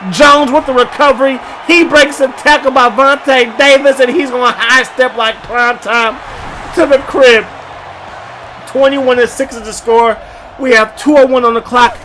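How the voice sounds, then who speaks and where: A man with a very high voice calls a football video game play by play. His tone is bright and forceful, and his delivery is animated and joking. He often breaks into excited shouts. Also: normal speed, slight background noise. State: short of breath at times. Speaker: gaming YouTuber.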